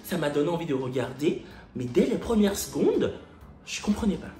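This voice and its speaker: A man doing a slow, patronizing male recruiter. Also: fairly high pitch, sing-song, dark tone, pitched below the performer's own voice. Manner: slow, measured, patronizing questioning. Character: polite condescending male internship recruiter. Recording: echoey room, faint music.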